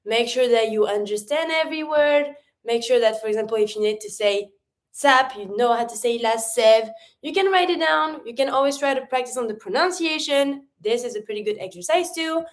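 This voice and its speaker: A woman teaching a French lesson in English, sounding out French words slowly and carefully as she explains. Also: fairly high pitch. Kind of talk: online language lesson.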